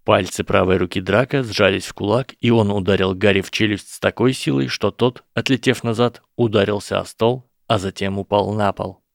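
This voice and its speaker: Low, gravelly male audiobook narrator. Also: steady tone, moderate pace, hardly any pauses, no room sound, studio quality. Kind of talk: scripted narration.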